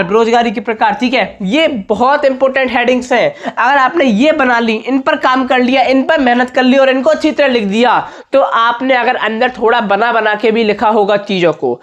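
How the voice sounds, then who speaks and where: A man teaches an informal lesson on exam tips, emphatic and repetitive, regularly checking that his students are keeping up. His voice is very high and slightly hoarse, and the recording is dull, muffled, and lo-fi.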